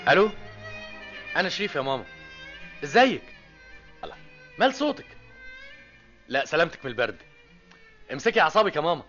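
An actor playing a lively young male student in an old Egyptian radio drama, speaking with an Egyptian accent. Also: a little high, fast talker, pauses often. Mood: overjoyed. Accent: Egyptian Arabic. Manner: lively, teasing, excited. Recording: dull old radio recording with music.

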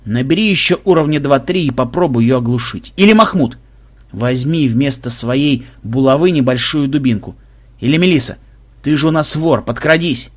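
A man's voice: mid-range voice, close to an everyday voice. A man reading a blustering male team boss. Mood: bossy. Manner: brisk and bossy, barking orders. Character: bossy male team leader, blustering, commanding.

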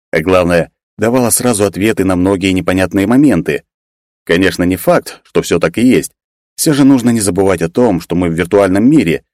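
Male fiction narrator, deep and dry, ponders aloud and bursts out in excitement. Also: no room sound. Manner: musing, bursts into excited exclamations. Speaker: audiobook narrator. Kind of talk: first-person fiction narration.

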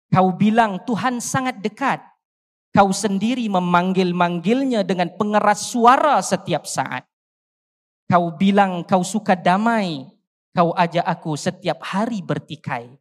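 A convention panel speaker, reciting a poem with declamatory, rhetorical rises and falls before giving closing remarks. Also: mid-range voice. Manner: declamatory, rhetorical rise and fall. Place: large convention hall. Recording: long hall reverb.

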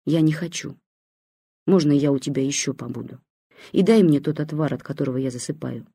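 A reader voicing an old grandmother who has gone deaf and calls out for her son with slow, drawn-out words. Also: mid-range voice, gravelly, breathy edge, dry recording. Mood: weary, stubborn. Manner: shouting, slow, dragged-out words. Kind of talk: audiobook character voice.

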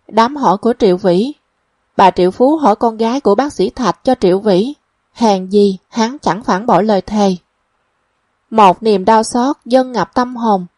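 A woman narrating a novel as a measured audiobook reading, also speaking the characters' quoted lines. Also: a little high, a little mellow, no echo, studio quality.

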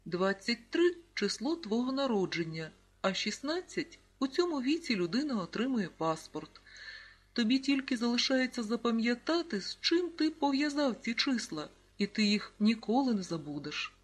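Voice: medium pitch, very animated, moderate pace, breathy edge. Playful, caring storybook mother, read by the narrator, patient and joking. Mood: explaining. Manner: warm, joking, explaining patiently.

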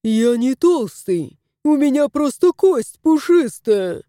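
A woman's voice: high voice, very animated, takes it slowly, warm tone, no echo, clean studio sound, voice pushed up, heavily acted. A woman voicing a wry, teasing male house spirit in an audiobook. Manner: mocking, teasing.

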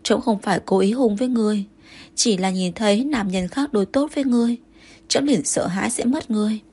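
A possessive, jealous emperor speaks in commanding and coaxing turns, tender underneath, read by a woman. The tone stays at a middle height, with a husky, breathy softness. It is an audiobook role. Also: mid-range voice, fairly quick.

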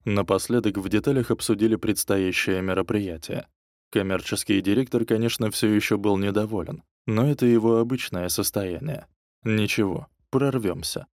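Low, dry-voiced male audiobook narrator. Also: darkish tone, no room sound. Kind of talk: first-person scripted narration.

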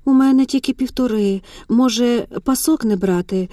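A woman's voice: on the high side, moderate pace, mellow, natural voice. A woman voicing an anxious young female office worker who pleads in a flustered way. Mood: hopeful.

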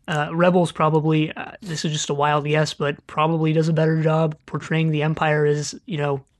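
A man's voice: a little high, level tone, moderate pace. A young man with a Californian accent, co-hosting a podcast in casual chat, laughing often and hesitating with fillers. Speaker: podcast co-host.

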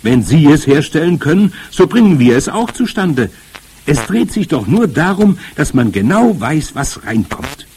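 A man reading aloud plays a spirited, determined old grandmother who speaks in a brisk, emphatic and commanding way. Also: fairly high pitch, very animated, darkish tone, slightly rough, pitched above the performer's own voice, full character voice. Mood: excited. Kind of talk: audiobook character voice.

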